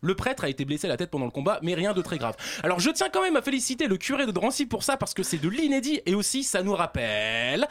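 A young man delivering a comic news column on a group show, joking, excitable and laughing as he stumbles over his words. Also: high-pitched, racing, hardly any pauses.

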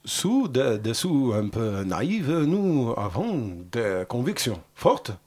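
Guest performer, man, husky, unhurried, lots of pitch movement. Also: very animated, a little mellow. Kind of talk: casual interview banter.

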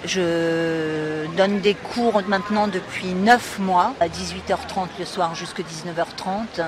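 Man in his sixties, retired, calm and measured, outdoor recording with street noise. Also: high voice. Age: 60s. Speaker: retired volunteer French teacher. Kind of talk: personal testimony. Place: outdoors in a city square.

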